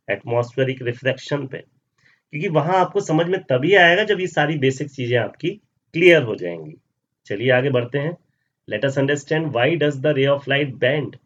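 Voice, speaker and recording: A male science teacher explaining a lesson, often asking questions and answering them himself and calling students "beta". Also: medium pitch. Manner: mixes Hindi with English terms. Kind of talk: classroom lesson explaining over slides. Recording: slightly dull audio.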